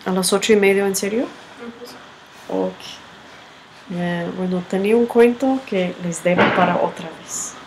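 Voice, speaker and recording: A woman giving a reflective teaching talk with a personal story. She speaks in a halting, unhurried way and often ends with a questioning tag. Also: medium pitch, steady tone. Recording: background noise.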